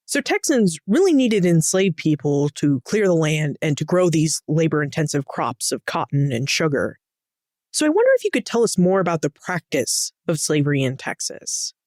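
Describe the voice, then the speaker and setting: A woman hosting a history podcast, asking measured, thoughtful interview questions. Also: low-pitched, darkish tone, dry recording, clean studio sound. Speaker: podcast host.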